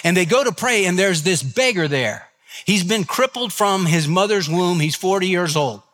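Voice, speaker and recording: A man's voice: high-pitched, lively intonation, normal speed, a bit bright, in a large hall. A man preaching a sermon as a pastor, retelling a story with emphatic repetition.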